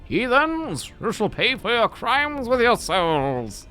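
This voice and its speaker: A man voicing a vengeful lizardman villain who makes menacing, drawn-out proclamations in a game. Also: very high-pitched, big pitch swings, pushed and bright, soft background music, pitched above the performer's own voice, full character voice. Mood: vengeful menace. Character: vengeful lizardman villain demanding souls as payment.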